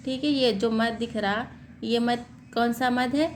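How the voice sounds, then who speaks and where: A woman teaching Quran reading, asking questions and answering them herself, then spelling out and reciting words slowly. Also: fairly high pitch, steady tone, slight background noise. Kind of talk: step-by-step recitation lesson.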